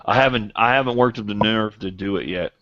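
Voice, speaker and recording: A man's voice: on the low side, brisk, fairly bright tone, no room sound. A man co-hosting a podcast in casual chat, joking and often repeating words as he talks. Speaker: podcast co-host. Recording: dull lo-fi podcast audio.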